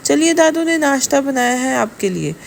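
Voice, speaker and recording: A reserved young man speaking gently, read by a woman. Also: high-pitched, expressive, creaky, a little hiss or hum. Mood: gentle. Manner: gentle, quiet.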